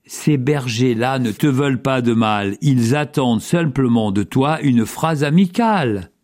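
Man reading a gentle grandfather, plain and calm. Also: medium pitch, unhurried, lightly acted. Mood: reassuring. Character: kindly old grandfather, gentle and reassuring.

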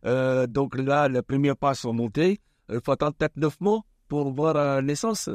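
A man guesting on a radio show, explaining his event in a halting way with many pauses. His voice is mid-pitched and heard up close and dry. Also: a little mellow, no room sound. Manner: hesitant, many fillers and restarts. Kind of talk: casual radio interview.

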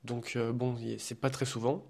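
A young man from France, a student guest in a radio studio interview, speaking hesitantly with many filler pauses. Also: medium pitch, little pitch movement, creaky, a little mellow. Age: young adult.

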